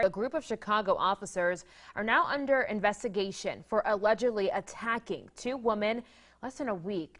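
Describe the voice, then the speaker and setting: A woman in her twenties anchoring and reporting TV news, reading stories crisply and bantering upbeat with co-hosts. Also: a little high, fairly bright tone, a little hiss or hum.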